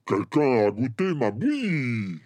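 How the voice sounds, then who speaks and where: A man voicing a big father bear with a deep, gruff, grumbling voice. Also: huge pitch swings, slow, a little mellow, no room sound, exaggerated voice.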